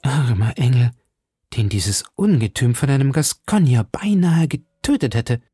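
A man reading aloud and voicing a seductive, scheming noblewoman who speaks softly and with a tremor. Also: medium pitch, expressive, measured pace, creaky, slightly rough, no echo, clean studio sound, full character voice. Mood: tender. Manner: soft, intimate, tremulous.

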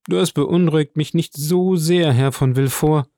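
A man's voice: on the high side, measured pace, warm tone, no room sound, studio quality, voice pushed up. A man voicing an eager, long-winded male notary in a read-aloud story, formal in his speech. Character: eager, wordy middle-aged male notary.

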